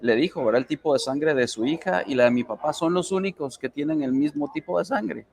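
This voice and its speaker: A man's voice: a little high, fairly quick, gravelly, darkish tone, slight background noise. A man on a church panel telling a family story, hesitant and heartfelt, with many fillers. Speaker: panel guest.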